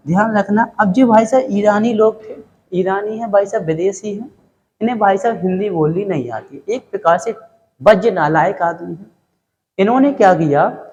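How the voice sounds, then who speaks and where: A man's voice: sits high, slight background noise. A male teacher giving a classroom lecture, asking questions and answering them himself, repeating key words with folksy, joking asides. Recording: long hall reverb.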